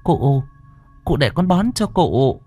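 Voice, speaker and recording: A man voicing Lan, an anxious, doting young granddaughter who coaxes and pleads in a raised falsetto. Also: big pitch swings, slow pace, darkish tone, no room sound, soft background music, exaggerated voice. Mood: coaxing.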